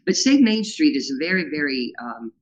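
A grassroots organizer is being interviewed, speaking in an earnest, rambling way with many fillers and a powerful voice. Her voice is deep and sing-song, her pace fairly quick, and the recording muffled.

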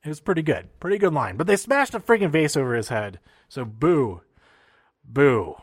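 A man casually recapping wrestling shows, excitable and rambling, with many fillers and restarts. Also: on the high side, normal speed, breathy edge, no echo, clean studio sound.

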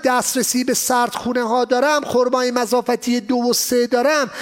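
A man giving an animated seminar lecture on exporting, asking rhetorical questions and mixing in English phrases. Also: very high voice. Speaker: export trainer. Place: exhibition hall.

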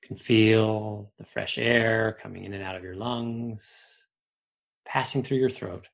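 Slow, gravelly man guiding meditation. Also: lowish voice, fairly even intonation. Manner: slow, soothing, with long pauses. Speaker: meditation guide. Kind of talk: guided meditation.

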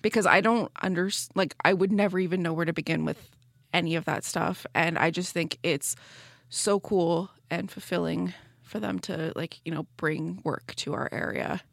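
A woman's voice: on the low side, fairly even intonation, normal speed, vocal fry, dry recording, clean studio sound. A woman in her mid thirties co-hosting a podcast, talking in an earnest, rambling, self-deprecating way. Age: 30s. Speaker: podcast co-host. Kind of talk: casual chat. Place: studio.

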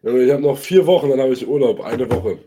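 A man's voice: medium pitch, quick pace, background noise. A man hosting a podcast, chatting casually with short teasing remarks. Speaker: podcast host. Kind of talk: casual chat.

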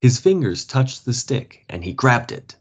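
A man reading a story aloud for learners, slow and expressive. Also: medium pitch, breathy edge. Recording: dull lo-fi podcast audio.

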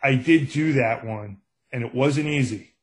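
This is a true crime author being interviewed on a podcast, an older middle-aged man with a Brooklyn accent who comes from Brooklyn, New York. His medium-pitched voice moves a little slowly as he tells casual stories, performing the back-and-forth of quoted conversations.

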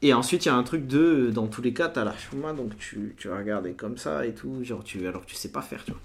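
Fast-talking man with suburb street slang. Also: mid-range voice. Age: 30s. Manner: animated retelling with quoted dialogue. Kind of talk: casual anecdotal storytelling.

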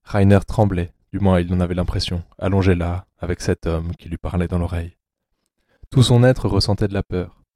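A male narrator with a very low, dark and mellow voice reads an audiobook drama in a measured, sombre way. The sound is close and dry, with no room around it. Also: fairly even intonation, no room sound.

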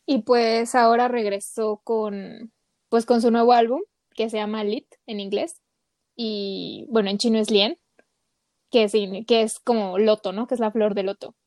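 A woman's voice: on the high side, fairly even intonation, unhurried, darkish tone, no echo. A woman co-hosting a casual podcast chat, talking with lots of fillers. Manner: chatty, many fillers. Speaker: podcast co-host.

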